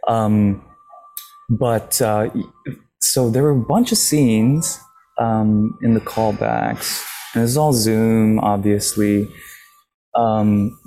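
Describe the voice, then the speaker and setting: A man from Japan speaking in a hushed near-whisper, answering interview questions casually as an actor on a remote call from a hotel lobby. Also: medium pitch, low-quality recording.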